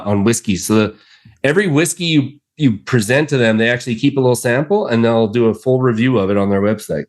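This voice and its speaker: A man co-hosting a casual podcast, talking in an enthusiastic, rambling way with many fillers and restarts. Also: mid-range voice. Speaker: podcast co-host. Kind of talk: casual chat.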